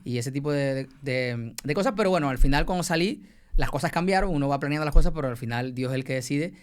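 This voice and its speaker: A man's voice: medium pitch, smooth. Cuban man telling his story, hesitant. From Cuba. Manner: hesitant, many fillers and pauses. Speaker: guest, former biology teacher.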